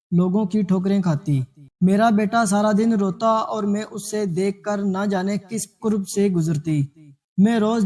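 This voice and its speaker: A man with a notably high voice reads a sorrowful life story in the first person. He keeps a steady, grave storytelling tone throughout. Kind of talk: scripted narration of a true-life story.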